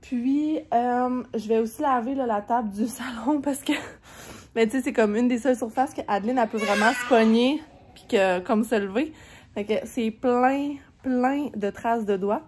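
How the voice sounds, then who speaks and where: A woman's voice: on the high side, normal speed, darkish tone, slight background noise. Chatty Quebec French woman vlogging. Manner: chatty and rambling, many fillers and small laughs. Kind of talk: casual vlog chat to camera. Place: at home.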